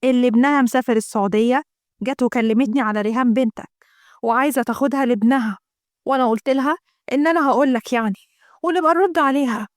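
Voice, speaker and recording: A woman's voice: sits high, fast, no echo, studio quality, lightly acted. A woman voicing a middle-aged Egyptian housewife who argues and complains to her husband. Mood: complaining. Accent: Egyptian Arabic. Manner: pleading, complaining.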